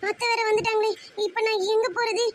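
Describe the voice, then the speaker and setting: A woman's voice: very high-pitched, steady tone, fast, slight background noise. A woman voicing a flustered, playful young woman in love, pleading and fretting in an amateur audio romance story.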